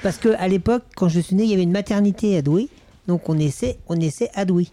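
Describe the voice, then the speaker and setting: This man speaks fast in a high, mellow voice. He's a guest from Maine-et-Loire, France, interviewed casually in a village bar, and he talks hesitantly with lots of fillers and restarts.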